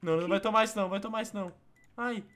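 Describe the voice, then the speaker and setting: A man's voice: high voice, rapid-fire, fairly bright tone. A young man with a Brazilian Portuguese accent hosting a gaming video, teasing his partner and breaking into shrieking laughter. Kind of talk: playful game commentary.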